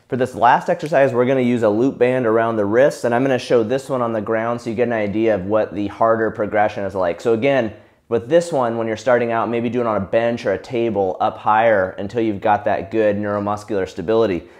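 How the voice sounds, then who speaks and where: A young man coaching viewers through shoulder rehab exercises. He talks in a relaxed, easygoing way while he demonstrates the moves. Now and then he sounds winded from the effort. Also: on the low side, fairly quick. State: out of breath during exercise. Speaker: physical therapy instructor.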